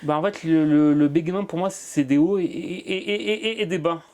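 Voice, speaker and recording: A man's voice: on the high side, moderate pace, darkish tone. A man from Marseille who is a comedian, talking in an interview with a strong stutter and many repeated sounds. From Marseille, France. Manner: strong stutter with frequent repetitions. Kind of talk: interview conversation.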